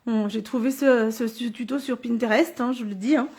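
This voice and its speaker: Brief: high-pitched middle-aged woman, live craft demo host, chatty and thinking aloud at her table. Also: steady tone, moderate pace, darkish tone, husky. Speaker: card-making demonstrator. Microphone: phone or camera on a stand.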